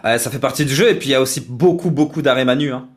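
A man's voice: medium pitch, rapid-fire. A man co-commentating a video game football final live, cheering players on, joking and greeting the chat. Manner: cheers players on, yells and laughs, chatty with the chat. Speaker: esports co-commentator.

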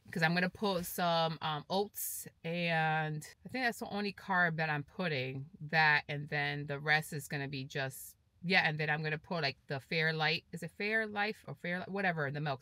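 A woman talks casually to her vlog audience. She is upbeat and motivating and repeats her points. Her voice is bright, and the sound is dry and close, with little room. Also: fairly low pitch, no echo. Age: 40s. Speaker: fitness vlogger. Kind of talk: casual vlog chat to camera.

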